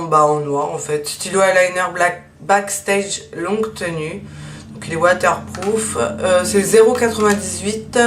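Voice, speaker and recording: A woman chatting casually through a beauty haul, with lots of fillers and a steady stream of small asides. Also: on the low side. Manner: chatty, many fillers and "donc voilà". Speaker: beauty vlogger. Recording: echoey room, mic at a distance, faint hiss.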